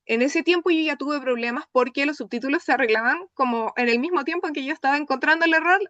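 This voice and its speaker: A woman's voice: high voice, fast talker, fairly bright tone, dry recording, muffled recording. A young woman with a Chilean accent gives a talk on her research in an open class. She explains step by step and often checks in with her listeners. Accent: Chilean Spanish. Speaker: lecturer presenting her research.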